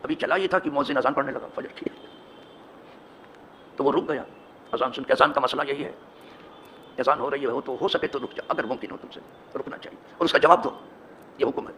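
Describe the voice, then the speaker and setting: With a mid-range, fairly bright voice and frequent pauses, a man with an Indian Urdu accent teaches hadith as a mosque imam. He narrates a story, addresses his listeners in asides, and builds toward emphatic repetition; some background noise is audible.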